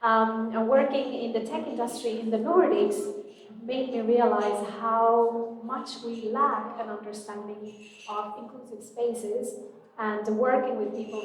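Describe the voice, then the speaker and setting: A woman from India with a fairly high voice speaks on a live panel in a friendly, fluent way. Her voice comes from far off in a large, very echoey hall. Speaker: panelist, diversity entrepreneur. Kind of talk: panel discussion.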